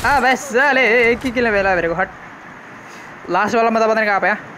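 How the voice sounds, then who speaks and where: A man doing live gameplay commentary, excitable and joking with casually crude banter. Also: high voice, brisk, a little hiss or hum. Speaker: gaming YouTuber.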